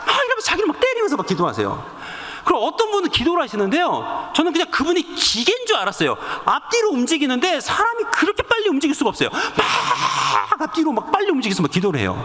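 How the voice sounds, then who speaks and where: A man preaching a sermon, telling a personal story in an animated way and acting out the voices in it. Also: very high voice, fast, in a large hall. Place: church sanctuary.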